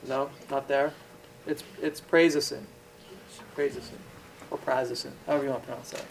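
A man's voice: on the high side, little pitch movement, quick pace, vocal fry, recorded from a distance. A man teaching a pharmacology class, asking the students questions and then answering them himself. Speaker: pharmacology lecturer. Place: lecture room. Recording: echoey room, voice from afar, faint hiss.

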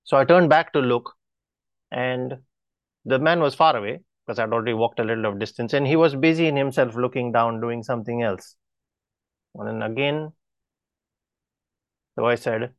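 Gravelly-voiced man giving a testimony. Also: medium pitch, no room sound, highs cut off. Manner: earnest, halting storytelling with restarts. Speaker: preacher. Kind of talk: personal testimony in a sermon.

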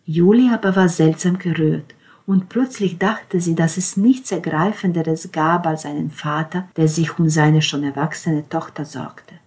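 A woman narrating a novel aloud in an even, measured storytelling manner. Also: sits low. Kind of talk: audiobook narration.

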